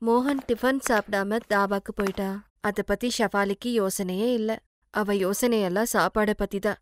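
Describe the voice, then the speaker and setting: A woman's voice: medium pitch, normal speed, noisy background. Woman narrating a cartoon story. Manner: plain, steady storytelling.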